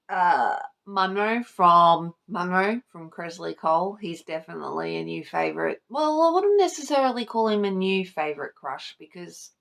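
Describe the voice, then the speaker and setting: A book vlogger hosting her own channel chats casually to camera in a book tag video, swearing freely and gushing over things she loves. Her voice is fairly low and fairly bright, with vocal fry.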